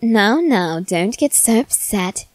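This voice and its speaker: A woman voices a haughty young male demon servant in a theatrical, mock-polite ASMR roleplay aimed at the listener. Her medium-pitched voice is expressive and slow, teasing and smug in mood, with no echo.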